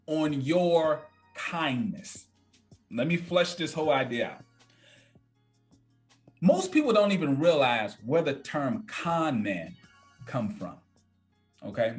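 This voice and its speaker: A man's voice: on the high side, fairly bright tone. A man in his thirties, a podcast guest telling a story in a blunt, emphatic, casual way that repeats points for effect. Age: 30s.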